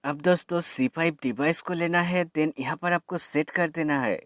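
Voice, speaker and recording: Addressing his viewers as friends and slipping in English words, a male tech reviewer walks through a product installation step by step. He has a fairly high, fairly bright voice at a moderate pace.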